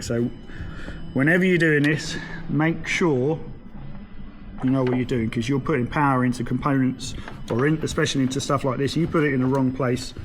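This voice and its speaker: A man giving an informal, step-by-step hands-on tutorial as a mechanic in a workshop. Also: mid-range voice. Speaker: mechanic presenter. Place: vehicle workshop. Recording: noisy workshop background.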